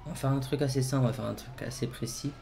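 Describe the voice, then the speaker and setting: A man hosting a gaming video, giving playful commentary and jokingly barking commands as a team leader, excitable and joking. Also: mid-range voice, racing, gravelly. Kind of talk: playful game commentary with role-play commands.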